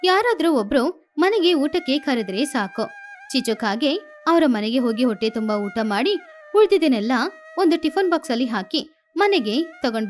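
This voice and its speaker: Lively high-voiced woman storyteller. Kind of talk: scripted cartoon narration.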